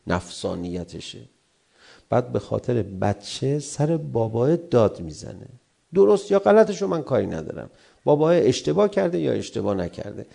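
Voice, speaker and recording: A middle-aged man, a cleric, preaching a sermon on family and anger, animated, jumping high for emphasis and then sinking low. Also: creaky, breathy edge. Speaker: cleric giving a religious talk.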